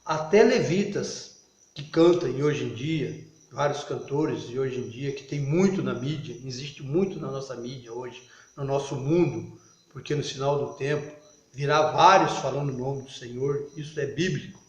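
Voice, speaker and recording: Impassioned man preaching in an echoey room. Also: mid-range voice. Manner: impassioned, rising to loud emphatic bursts; halting, frequent restarts. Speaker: lay preacher. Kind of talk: informal video sermon. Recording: echoey, muffled recording.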